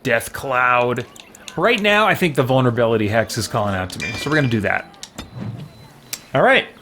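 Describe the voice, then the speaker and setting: Bright and forceful, this game streamer's expressive mid-range voice keeps a moderate pace as he casually comments on live gameplay, reading things aloud and thinking out loud. Faint game music and slight background noise sit behind him.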